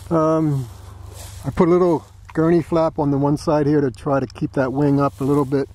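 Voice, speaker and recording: A man giving relaxed running commentary while flying a model plane outdoors, thinking aloud with fillers. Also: fairly high pitch, normal speed. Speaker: model aircraft flyer. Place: open grassy field outdoors.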